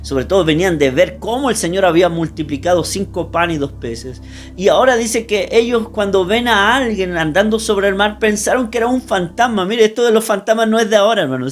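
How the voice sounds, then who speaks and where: Male pastor, higher-pitched, emphatic sermon delivery, speaks directly to listeners, light music bed. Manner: emphatic preaching, often addresses listeners directly.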